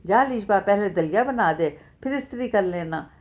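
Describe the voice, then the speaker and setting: A woman's voice: mid-range voice, expressive, normal speed, lightly acted. A woman reading a kind coaxing old mother. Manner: gentle, coaxing. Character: kindly older mother-in-law, doting and soothing.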